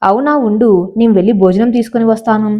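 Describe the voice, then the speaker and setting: A woman voicing a caring young husband who speaks calmly and reassuringly. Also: on the high side, brisk, lightly acted. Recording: slightly dull lo-fi audio.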